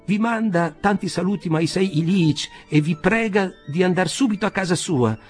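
A nervous, fawning old man in a storybook, his voice climbing high and shrill as he pleads, as a male narrator puts him on. The delivery is agitated and insistent, with faint music underneath. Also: moderate pace, breathy edge. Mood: eager.

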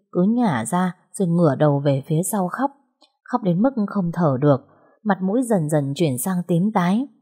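Female narrator for a first-person audiobook; soft, steady delivery, husky and mellow. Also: lowish voice.

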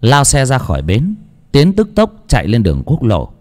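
A man narrating a dramatic audiobook in an expressive storytelling voice. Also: medium pitch, moderate pace. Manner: expressive storytelling, lingering on phrases.

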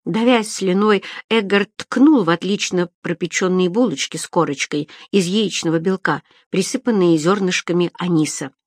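Female audiobook narrator, lower register, even storytelling, dry close recording. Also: normal speed, few pauses, dry recording. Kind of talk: scripted narration.

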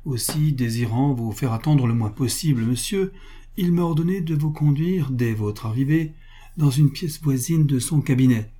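A man's voice: medium pitch, normal speed, dark tone, natural voice. A man voicing a courteous young aide-de-camp in a storybook reading, earnest and deferential.

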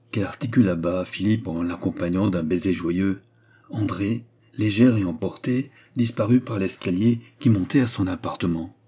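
A man reading a classic novel aloud in a measured, even manner. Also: on the low side, husky. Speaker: audiobook reader. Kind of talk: scripted novel narration.

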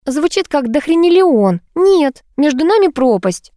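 A woman's voice: mid-range voice, lively intonation, brisk, a little mellow, no echo, studio quality, lightly acted. A woman voicing a bossy, playfully teasing young woman friend in an audiobook. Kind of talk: audiobook character reading.

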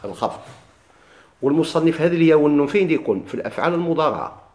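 A man with a Moroccan Arabic accent explains a classical text to his students, asking them questions and answering them himself, and he chants the quoted verses slowly. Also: a little high, animated, darkish tone, echoey room. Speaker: teacher of Quran recitation.

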